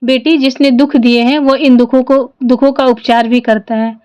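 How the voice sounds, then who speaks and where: A woman voicing a gentle elderly woman who soothes and advises a grieving devotee, in a storytelling style. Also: high voice, steady tone, normal speed, smooth, lightly acted. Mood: advising.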